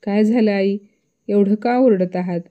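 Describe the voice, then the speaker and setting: A woman's voice: mid-range voice, unhurried, phone-quality sound, close to an everyday voice. A woman doing an indignant young daughter-in-law. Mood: worried. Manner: indignant, pleading.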